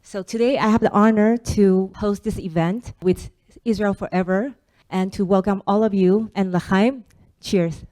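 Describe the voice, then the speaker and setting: A woman from Taiwan, raised in California, warmly greeting the audience as host of a hotel event. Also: mid-range voice, steady tone, a little slow.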